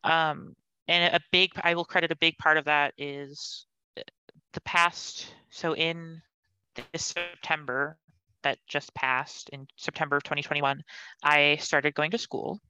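Smooth low-voiced young woman, earnest. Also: steady tone, unhurried, pushed and bright, no room sound, low-quality recording. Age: young adult. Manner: earnest, articulate, thoughtful. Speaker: podcast guest. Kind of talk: casual conversational interview.

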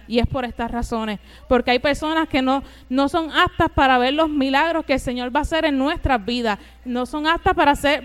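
A woman preaching a sermon, fervent and emphatic, slowing down to stretch key phrases. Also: high voice. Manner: fervent, rising to emphatic repeated declarations.

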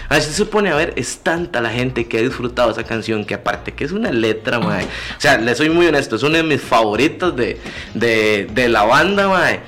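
A man with a Costa Rican accent co-hosting a casual chat, talking fast and loose with lots of fillers and laughter. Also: mid-range voice, animated, fairly bright tone. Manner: chatty, laughs often, piles up fillers. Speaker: podcast co-host.

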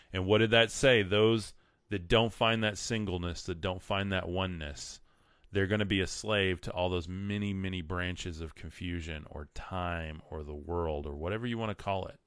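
A low-sitting, slightly bright, smooth male voice with a West Texas twang hosts a casual livestream monologue, recorded without room sound. Hailing from West Texas in the United States, he's earnest and emphatic, often repeating words for emphasis while reading out comments and quotes.

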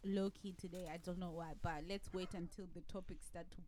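A woman's voice: on the low side, little pitch movement, brisk, a little mellow, a little hiss or hum. A woman in her thirties co-hosting a podcast, playfully hyping the intro and chatting casually. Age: 30s. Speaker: podcast co-host. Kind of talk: casual chat.

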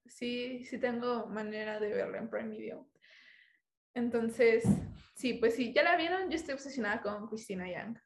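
A woman in casual chat, rambling and self-mocking, laughing at herself. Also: fairly high pitch. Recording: echoey room.

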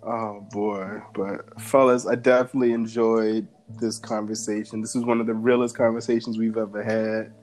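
A man hosting a casual podcast chat with friends, relaxed and laughing often. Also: on the low side, fairly quick, faint music behind. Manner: laid-back, laughs often. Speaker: podcast host.

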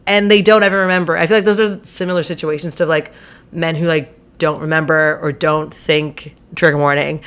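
A woman's voice: fairly low pitch, a bit bright. A young woman casually retelling a night out, chatty and exasperated, with many fillers. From New York. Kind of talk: casual storytelling.

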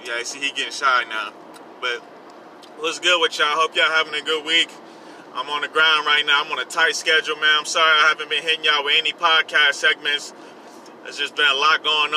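Slightly high-pitched, bright, and forceful, a man's voice comes through a rough recording as he drives and hosts his vlog segment. He's a songwriter running a personal podcast, talking casually in slang and repeating himself over faint vehicle noise.

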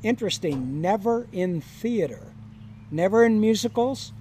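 An older man telling stories from his years as a high school counselor in a casual podcast chat, chuckling and acting out the quoted lines. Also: expressive, a little slow, warm tone, a little hiss or hum. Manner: chuckling anecdotal storyteller, acts out quoted lines.

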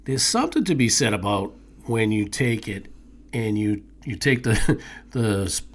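A man's voice: lowish voice, sing-song, unhurried. A man co-hosting a food show, chatting enthusiastically and rambling with many restarts. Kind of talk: casual chat.

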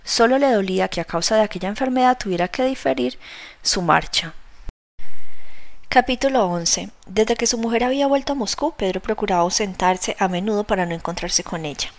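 A woman narrating a novel as an audiobook, reading in a measured, steady way. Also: medium pitch, dry recording.

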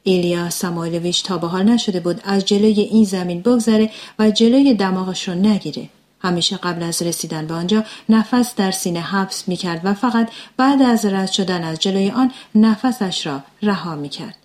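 A woman narrating a story aloud in calm audiobook style. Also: mid-range voice.

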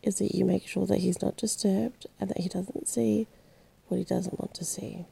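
A woman softly voicing a husky, stern thin old manservant in a whispered role-play bedtime reading. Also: medium pitch, fairly even intonation, normal speed, full character voice.

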